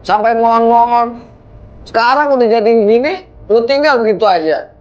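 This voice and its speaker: A man's voice: extremely high pitch, normal speed, dull audio. An actor playing a furious scolding father. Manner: scolding, insistent, confrontational. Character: angry middle-aged father confronting son-in-law. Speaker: father-in-law. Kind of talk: low-budget film acting.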